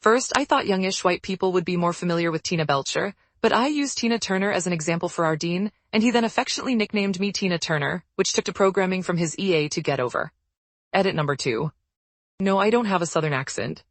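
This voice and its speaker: A woman narrating forum posts aloud in a brisk, even storytelling read. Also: fairly low pitch, no echo.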